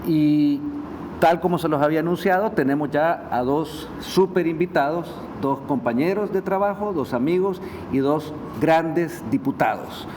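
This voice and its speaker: A man's voice: a little high, a little slow, darkish tone, a little hiss or hum. A man from El Salvador with a Salvadoran accent, hosting a TV interview in a friendly, joking way with frequent restarts. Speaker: TV show host. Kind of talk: casual TV interview chat.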